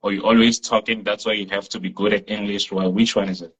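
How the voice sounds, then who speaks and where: A man's voice: on the low side, flat delivery, fast talker, a bit bright, slightly rough, low-quality recording. A man interviewing a guest with curious questions that he often starts over.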